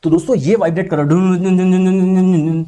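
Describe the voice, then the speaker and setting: High-voiced animated male teacher, sore throat. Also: measured pace. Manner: animated, quizzes students and answers in their voice. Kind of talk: lively classroom lecture.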